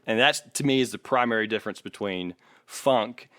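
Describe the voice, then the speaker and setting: On a podcast, a male host chats casually about music, offering analytical, opinionated critique and swearing now and then. His voice is lowish and a little bright, his pace moderate, and the recording is dry.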